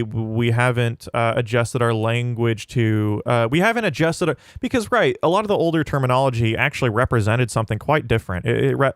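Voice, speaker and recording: A man hosting a casual livestream, with a smooth, clean voice at an ordinary pitch for a man. He reads viewers' questions and ponders them aloud. The recording is dry, with no room echo. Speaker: channel host reading live chat.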